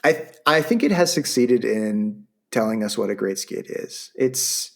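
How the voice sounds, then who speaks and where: A man's voice: mid-range voice, expressive, measured pace, gravelly. Playful, mock-grand male podcast co-host. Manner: playful, mock-grand, laughs while talking. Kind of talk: casual podcast chat.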